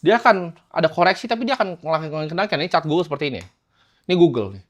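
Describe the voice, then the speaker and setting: Man, fairly high voice, casual investing teacher, chops lines into short bursts. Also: expressive, very fast, dull audio. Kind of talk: casual lecture over slides.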